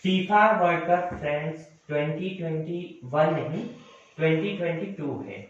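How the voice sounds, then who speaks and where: A man's voice: a little high, lively intonation, moderate pace. Echoey, distant male teacher. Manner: repetitive, self-correcting, addresses viewers as friends. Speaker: exam coaching teacher. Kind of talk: classroom lecture. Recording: very echoey room, distant mic, dull sound.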